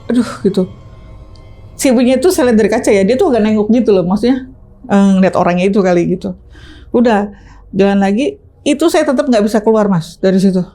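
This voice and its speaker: A woman guest telling her own story in a chatty, animated, casual way, tagging her sentences with fillers. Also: mid-range voice, fast talker, long pauses, faint music behind. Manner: chatty, animated, tags lines with "gitu". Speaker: ride-hailing driver, interview guest. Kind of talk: casual first-person storytelling.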